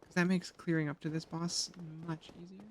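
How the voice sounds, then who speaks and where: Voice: medium pitch, level tone, normal speed, very noisy. Chatty streamer talking to the chat. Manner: chatty, joking, swears, addresses the chat. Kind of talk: casual gameplay commentary.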